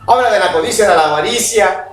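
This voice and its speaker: A middle-aged man preaching a sermon, animated and often asking the congregation if they agree. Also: high-pitched, fast. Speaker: pastor. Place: church hall. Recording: echoey hall, distant mic, music behind.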